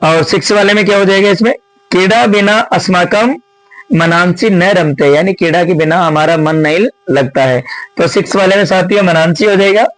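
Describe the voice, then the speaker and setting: A man with a fairly high voice works through an exam answer key like a teacher at the board. He often asks a question and answers it himself, and keeps calling his viewers friends. The sound is dry and close, with no room around it. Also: normal speed, fairly bright tone, no echo, rough recording. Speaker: Sanskrit teacher.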